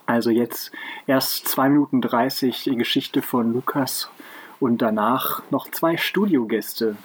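A man hosts a podcast in a casual, rambling way, often pausing with fillers. His mid-pitched voice has a slight husk. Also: breathy edge. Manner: rambling with many hesitations. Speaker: podcast host.

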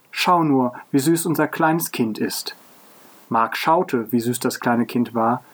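A man co-hosting a podcast and reading a children's Christmas story aloud in a calm, steady way. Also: mid-range voice. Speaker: podcast co-host and story reader.

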